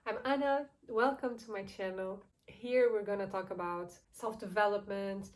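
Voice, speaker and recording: A young Portuguese woman hosts her YouTube channel, telling a personal story to camera in accented second-language English. She's chatty and candid with frequent soft laughs, and her medium-pitched voice keeps fairly even intonation at a moderate pace. The audio is poor.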